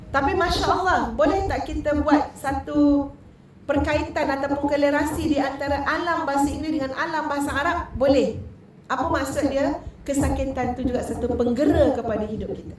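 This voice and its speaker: A Malaysian woman teacher preaches in a high, bright voice and keeps turning questions back to her listeners. Her voice is picked up from a distance and rings around a very echoey hall, with faint noise underneath. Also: normal speed. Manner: lively and conversational, questioning the audience. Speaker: female religious teacher. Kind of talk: religious talk to a women's audience.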